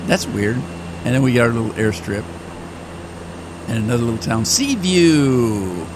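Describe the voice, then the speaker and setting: An older gaming channel host gives expressive, easygoing commentary while playing, his rambling speech full of pauses and restarts. He says aging has made his voice deeper and more cracked. Flight simulator engine noise sits behind his voice throughout.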